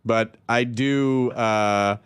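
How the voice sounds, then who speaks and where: A man's voice: medium pitch, fairly even intonation, very slow, smooth. A man hosting a podcast, joking and teasing his guest and swearing casually. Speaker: podcast host. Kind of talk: casual interview chat.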